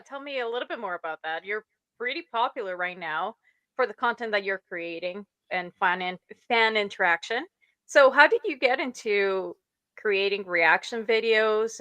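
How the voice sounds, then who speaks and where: A woman hosting a podcast, asking brisk, friendly interview questions. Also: mid-range voice, sharp tone, no room sound. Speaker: podcast host. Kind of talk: casual interview.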